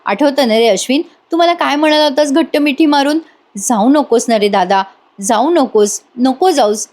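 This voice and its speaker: A woman's voice: on the high side, a little mellow, natural voice. A woman voicing a grown man, a caring older brother who coaxes and pleads with affection. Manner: coaxing, affectionate, emotional.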